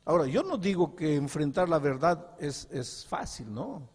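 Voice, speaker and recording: An older man preaching a sermon as a pastor, telling a story with dramatic dialogue and swinging from hushed to loud. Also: fairly high pitch, very animated, normal speed, husky, big-room sound. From Peru.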